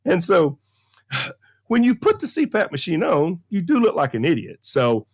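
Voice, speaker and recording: A slightly high, husky voice moves a little slowly as this middle-aged man from the American South shares a funny story on a talk show. He's an animated storyteller, a radio regular and film critic, who acts out the quotes and laughs often.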